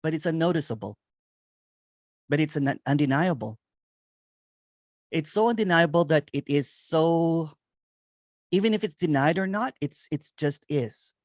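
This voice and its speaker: A man giving a meditative spiritual reflection on nonduality, repeating phrases and chuckling softly now and then. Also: on the high side, lively intonation, measured pace, pauses often, no room sound, studio quality. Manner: meditative, repetitive, with soft chuckles. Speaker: nonduality speaker. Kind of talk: slow spoken spiritual reflection.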